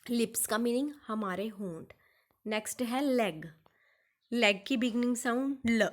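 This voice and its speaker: Woman, kindergarten phonics teacher; unhurried, repeats each sound, a bit high. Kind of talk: phonics lesson for young children.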